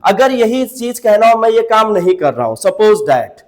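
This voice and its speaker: A man teaching a spoken English lesson. He repeats each example slowly and asks the class to say it back. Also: high voice, very animated. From India.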